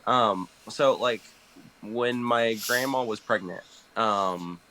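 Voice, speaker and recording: A young man co-hosting a podcast, talking haltingly with many fillers and restarts. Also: on the low side, sharp tone, a little hiss or hum, low-quality recording. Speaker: podcast co-host. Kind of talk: casual podcast chat.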